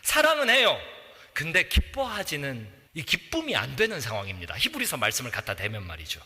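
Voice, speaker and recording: A middle-aged man preaching a sermon as a pastor in a church, animated, acting out voices and shouting at times. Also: medium pitch, fairly quick. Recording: long church reverb.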